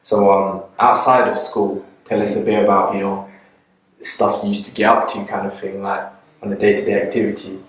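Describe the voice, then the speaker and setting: A man's voice: on the low side, level tone, a little fast. A man hosting a casual street interview, speaking in a laid-back way and often adding short replies like "okay, cool.". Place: outdoors on a street. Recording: echoey, from far off.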